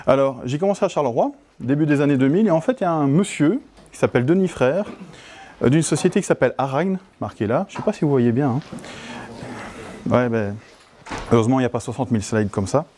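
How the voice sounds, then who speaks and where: A man's voice: mid-range voice, expressive, fast, dark tone. A middle-aged Belgian man with a Belgian French accent giving a conference talk, chatty and self-mocking. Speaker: conference speaker. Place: conference hall.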